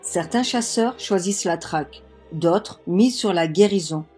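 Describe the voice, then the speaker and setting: A woman's voice: on the low side, unhurried, over music. A woman reading scripted news narration.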